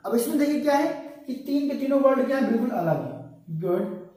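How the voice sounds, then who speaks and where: A man's voice: extremely high pitch, very animated, moderate pace, warm tone, distant mic. Male grammar teacher in a very echoey room. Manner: keeps asking rhetorical questions and calls students "beta". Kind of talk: explanatory online grammar lesson.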